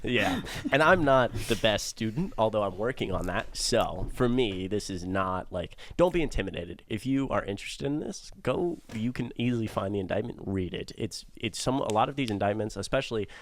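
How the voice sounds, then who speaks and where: Excitable young man, low voice, joking. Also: normal speed, few pauses, slight background noise. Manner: excitable, joking, swears freely. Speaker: podcast co-host. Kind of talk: casual podcast banter.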